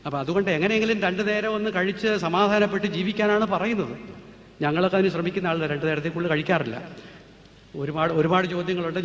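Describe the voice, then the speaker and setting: A man with a slightly high voice lectures at a rapid clip, firing off rhetorical questions as he explains his points. His voice rings around a large hall with a long reverb tail. The recording is dull and lo-fi, with a faint hiss underneath. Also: a bit bright. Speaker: naturopathy speaker answering audience questions. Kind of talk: public talk.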